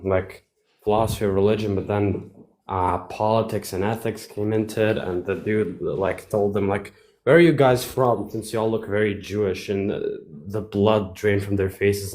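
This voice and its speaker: A young man from Bosnia, speaking English as a second language, talks casually in a low voice. He hesitates often, filling gaps with fillers and restarting his sentences. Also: darkish tone. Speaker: livestream guest. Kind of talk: casual chat.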